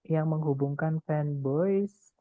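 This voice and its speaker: A man's voice: a little high, slow, no echo, faint music behind. A man tutoring an online class, explaining step by step and often addressing the group directly. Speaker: TOEFL tutor. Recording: tinny call audio, dry.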